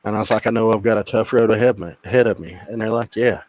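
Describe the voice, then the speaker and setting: A man's voice: lowish voice, quick pace, a little mellow, a little hiss or hum. A man in his thirties, a podcast guest, telling a personal story in a blunt, profane, earnest way. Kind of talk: casual storytelling interview.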